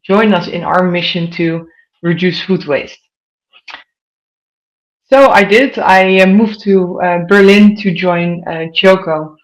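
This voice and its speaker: On a rough recording, a woman with a voice on the low side takes things slowly. She is in her thirties, comes from the Netherlands and has a Dutch accent, and she quizzes her audience directly during an online conference talk.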